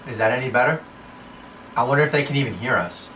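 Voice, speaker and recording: A man's voice: medium pitch, fast talker, bright, forceful tone. Man sounding like he's in a fishbowl. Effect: muffled echoey sound, like inside a fishbowl. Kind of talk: casual chat while testing audio. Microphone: off-mic, behind the streamer. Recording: echoey, distant and noisy.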